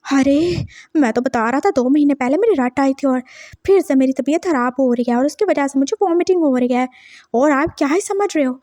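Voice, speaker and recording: A woman voicing a lovesick young man who is clingy, pleading and quick to get flustered, read for a fan story. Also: high voice, expressive, warm tone, dry recording, studio quality.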